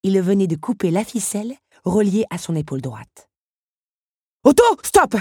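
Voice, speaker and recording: A woman reading an audiobook in a steady, measured way. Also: medium pitch, slightly rough, dry recording, studio quality. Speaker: audiobook narrator. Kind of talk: scripted audiobook narration.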